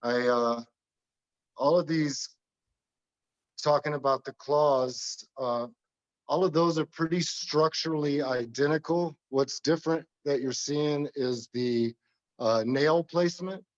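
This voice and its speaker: A man with a slightly hoarse voice, talking casually and haltingly as a tile installer walking someone through his work. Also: on the high side, muffled recording. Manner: hesitant, halting. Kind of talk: casual informal walkthrough talk.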